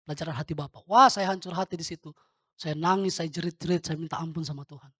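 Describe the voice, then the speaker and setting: A man's voice: fairly high pitch, steady tone, fast, bright, forceful tone, slightly rough, dry recording, studio quality. A male pastor giving an informal sermon, talking straight to the congregation and throwing questions at them.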